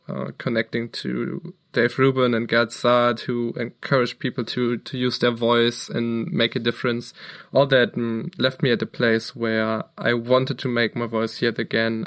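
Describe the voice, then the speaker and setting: A young man from Germany, co-hosting a podcast and talking earnestly about his background. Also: medium pitch. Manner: earnest, steady, occasional restarts. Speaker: podcast co-host. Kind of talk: casual chat.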